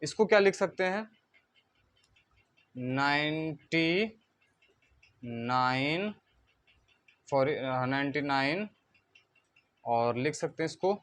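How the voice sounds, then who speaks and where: A man teaching a math lesson in Hindi, reading out decimals digit by digit and slowing down as he writes them. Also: medium pitch, animated. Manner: spells numbers out digit by digit, slows when writing. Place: coaching centre classroom.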